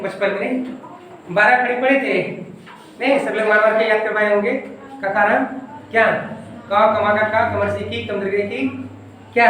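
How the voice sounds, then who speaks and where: A woman's voice: fairly high pitch, fairly bright tone, slight background noise. A woman teaching a grammar lesson in a coaching class. She asks the class questions and then answers them herself. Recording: echoey room, from far off.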